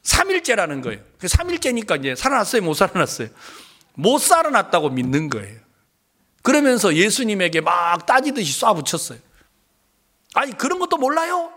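A male pastor delivers a sermon in a strikingly high voice that leaps up and down with lively energy. He retells a scripture story conversationally, adding playful asides to the congregation. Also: fairly quick.

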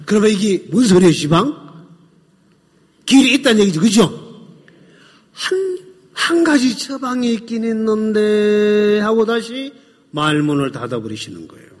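A man telling a story to an audience in an animated, drawn-out way, often turning to his listeners. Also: sits high, big-room sound. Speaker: speaker.

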